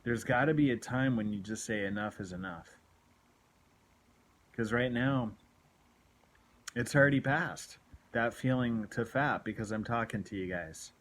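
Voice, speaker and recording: Speaking unhurriedly and pausing often, a man in his late forties delivers earnest, confessional self-help exhortation to camera, frequently repeating his points. His mid-range voice has a fairly bright tone. He records on a phone held at arm's length in a small room at home, and a little hiss or hum can be heard.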